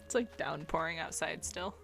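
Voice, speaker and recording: A woman's voice: deep voice, normal speed, gravelly, a bit bright, soft background music. A woman streaming a game, chatting casually in a giggly, playful way and laughing often. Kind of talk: casual gaming stream chat.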